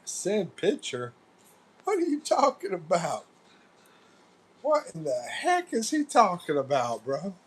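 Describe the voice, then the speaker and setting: Middle-aged American guy, livestream host, slow and easygoing, chatty "bro" manner while reading comments. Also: sits high, huge pitch swings, low-quality recording. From United States. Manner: chatty, loose, calls viewers "bro". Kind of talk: casual live chat reading viewer comments.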